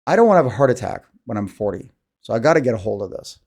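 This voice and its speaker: On the low side and sing-song, this man's slightly mellow voice comes out rapid-fire with vocal fry. The thirty-something vlogger rambles candidly to camera in a casual, self-deprecating monologue, sighing often.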